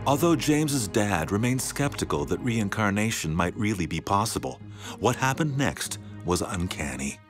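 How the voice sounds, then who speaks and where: A man reading a scripted documentary narration in a dramatic way, slowing down on key words, with music playing behind him. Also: on the low side, big pitch swings. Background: background music.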